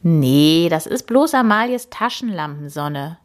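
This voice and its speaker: A woman voicing a gruff, grumbling male hotel guest in a storybook reading. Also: medium pitch, expressive, a little slow, pitched above the performer's own voice.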